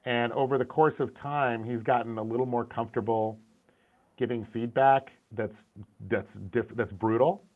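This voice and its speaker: Thin, tinny audio resembling a phone-line video call carries the voice of a middle-aged man being interviewed casually. He's a concept art and animation director with Syrian roots raised in the US, speaking at a moderate pace and ordinary pitch, energetic and frank, with frequent restarts and repeated words.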